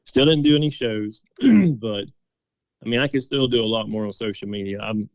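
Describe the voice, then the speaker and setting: A man's voice: fairly low pitch, lively intonation, moderate pace, no echo, lo-fi sound. A middle-aged man being interviewed, telling stories in a folksy, casual, conversational way. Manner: folksy, quotes past conversations as dialogue. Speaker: interview guest, game call maker.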